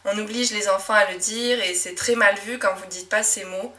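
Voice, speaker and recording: Young french teacher lady w a médoc accent, reflective chatty monologue, bright voice, bit far from the mic. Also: medium pitch, fairly even intonation, brisk. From southwest France. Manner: reflective, frequent euh fillers and soft laughs. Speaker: French teacher and podcast host. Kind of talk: casual personal monologue.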